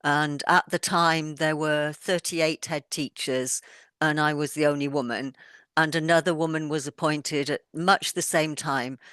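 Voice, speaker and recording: A middle-aged woman author speaks thoughtfully in an interview, her deep voice unhurried, fairly even, slightly bright and clean, recorded in a clean studio with no room sound. Born in England and raised moving around the world, she has a mixed British accent with a touch of Welsh and Yorkshire. The talk is a casual conversation.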